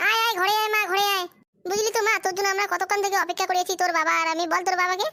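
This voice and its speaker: A performer voicing a calm middle-aged mother-in-law in a cartoon, soothing and repeating herself. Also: very high-pitched, very fast, no echo, studio quality, exaggerated voice.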